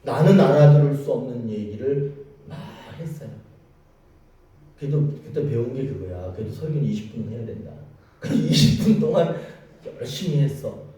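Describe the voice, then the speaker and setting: Male pastor, animated storytelling sermon, dark mellow voice, echoey church picked up from afar. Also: medium pitch, fairly quick, recorded from a distance. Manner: storytelling, animated, with laughing asides.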